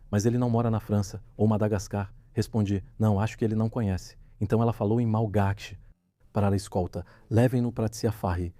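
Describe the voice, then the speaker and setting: A man's voice: fairly low pitch, dark tone, no room sound. A man, a guest in an interview, recounts a personal story and acts out the quoted dialogue as he goes. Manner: vivid retelling, acting out quoted dialogue.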